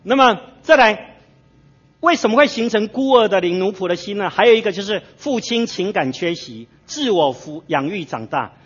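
High-voiced, husky preaching man. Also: lively intonation, normal speed, fairly bright tone. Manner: fill-in-the-blank questions to the congregation; storytelling with frequent tag particles. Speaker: pastor. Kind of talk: sermon. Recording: dull lo-fi sermon recording.

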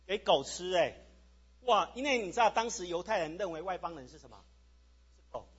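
High-voiced husky preacher, animated. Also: male voice, a little fast, highs cut off. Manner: animated preaching, asks the congregation questions. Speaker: pastor. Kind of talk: sermon. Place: church sanctuary.

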